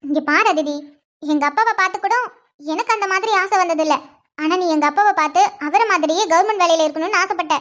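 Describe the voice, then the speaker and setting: A calm, caring sister-in-law from a cartoon. Her voice is very high-pitched, and she talks in a soothing, reassuring way. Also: fast. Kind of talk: cartoon voice acting.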